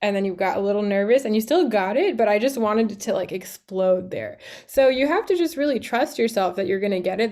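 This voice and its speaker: A woman's voice: mid-range voice, a little mellow. A woman teaching a string student in a studio class, chatty and encouraging, singing out passages and using lots of fillers. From Canada. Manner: encouraging, chatty, many fillers and sung examples. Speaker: music teacher.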